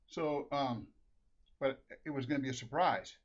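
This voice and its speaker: Telling a casual family anecdote in a mid-range voice at a moderate pace, this middle-aged man from Minnesota rambles, laughs often, and starts his sentences over. The recording is lo-fi and dull.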